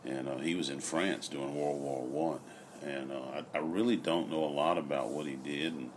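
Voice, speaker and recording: Very deep-voiced man, rambling. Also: steady tone. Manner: unhurried, rambling, pausing often. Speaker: vlogger. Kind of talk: casual, reflective chat. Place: outdoor garden patio. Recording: noisy outdoor ambient recording.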